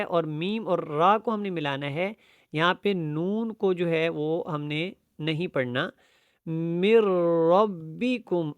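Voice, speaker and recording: A male Quran teacher gives a tajweed lesson, recorded dry and close with no room sound. His voice is smooth and resonant. He moves between brisk explanation and slow, stretched-out recitation. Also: fairly high pitch, no room sound. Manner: explains quickly, then recites verses slowly and drawn out.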